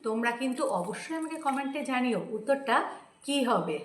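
A woman's voice: high-pitched, animated, a little fast, fairly bright tone. A woman hosting a home food vlog, chatting casually to her viewers as friends. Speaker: cooking and food vlog host. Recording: echoey room, faint noise.

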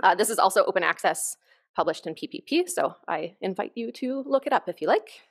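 Her mid-range voice is gravelly and animated, moving fairly quickly as this researcher delivers a conference keynote from a lectern on stage. She explains her work in an enthusiastic, casual way.

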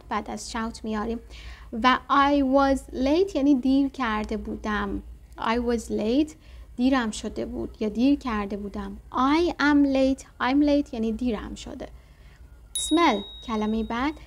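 A woman teaching English vocabulary, reading each example sentence slowly and then explaining it. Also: fairly high pitch. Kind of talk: vocabulary lesson.

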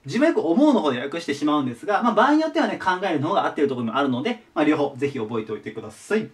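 Male tutor, patient, repeats forms, very animated pitch, a bit off-mic. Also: racing, distant mic. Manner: patient, repeats each word form. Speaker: teacher. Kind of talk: explaining English vocabulary to students.

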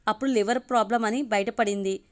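A woman's voice: fairly high pitch, steady tone, fast talker, natural voice. A woman voicing a young father who is shaken and guilt-ridden, speaking in a trembling, tearful way in a storybook reading. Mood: anguished.

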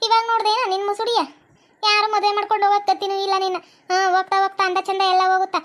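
A woman's voice: extremely high pitch, completely flat delivery, rapid-fire, a bit bright. A woman voicing a quarrelsome village woman with a North Karnataka accent, taunting a rival in a cartoon comedy. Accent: North Karnataka Kannada. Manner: taunting, mocking.

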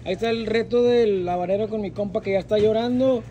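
High-pitched Mexican man teasing in slang. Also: steady tone, fast talker, warm tone, lo-fi sound. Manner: teasing, egging on. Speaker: host filming a food challenge. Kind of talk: casual chat with slang. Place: indoor grocery store. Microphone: phone at arm's length. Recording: busy store with crowd noise.

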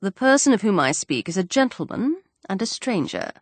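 A wry middle-aged father from a storybook, voiced by a woman narrator. He speaks in a measured, deadpan way, sardonic and a little stern. The recording is close and dry. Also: medium pitch, no echo, close to an everyday voice. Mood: measured, teasing.

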